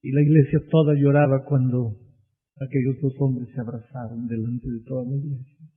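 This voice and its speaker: A man's voice: medium pitch, level tone, normal speed. A man preaching an evangelistic sermon, telling a story dramatically and building to impassioned appeals. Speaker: pastor. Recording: tinny, phone-like husky sound.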